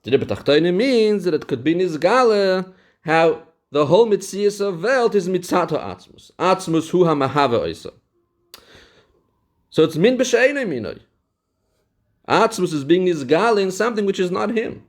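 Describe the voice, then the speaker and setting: A man's voice: high voice, very animated, moderate pace. Yeshivish-accented man teaching a text. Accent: Yeshivish English. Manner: mixes English with Hebrew and Yiddish terms; repeats key phrases for emphasis. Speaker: Torah teacher.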